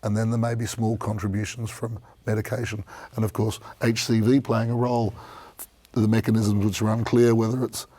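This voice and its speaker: Croaky, mellow man presenting medical findings. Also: on the low side, level tone, fairly quick. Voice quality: croaky, hoarse voice. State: croaky from a strained voice this week. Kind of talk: expert conference review.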